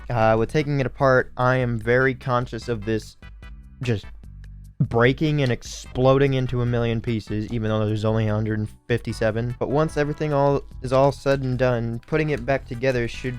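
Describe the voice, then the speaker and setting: A man's voice: medium pitch, fairly even intonation, moderate pace, soft background music. A young man with a sniffly nose, rambling and thinking aloud as he gives casual commentary for a hobby video. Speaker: video host building Lego.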